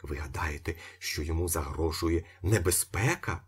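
A cranky male locksmith full of irony and scorn, loud and mocking, as a male reader puts him on. His husky voice swings widely in pitch as he jeers. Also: huge pitch swings, slow, full character voice. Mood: sneering. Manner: shouting, sneering.

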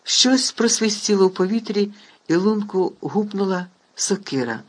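A man narrating an audiobook in a lively, expressive reading. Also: high voice, normal speed. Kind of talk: storybook reading.

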